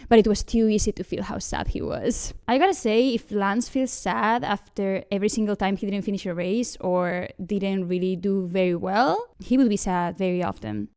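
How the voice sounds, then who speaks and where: A woman's voice: medium pitch, animated, moderate pace, few pauses, a little mellow, smooth. A woman hosting a comic fan fiction reading, with wry, sarcastic, laughing asides.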